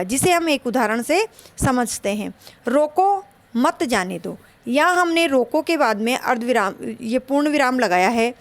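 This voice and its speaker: A woman teaching a Hindi grammar lesson for an exam, slow and explanatory, repeating her points. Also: high voice, no echo.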